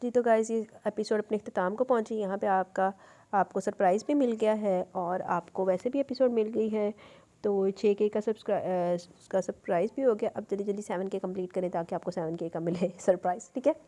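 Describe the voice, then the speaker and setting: Mellow-voiced woman reading a novel. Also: mid-range voice, brisk. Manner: chatty, relaxed with fillers. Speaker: novel reader and channel host. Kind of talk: audiobook narration and comment reading.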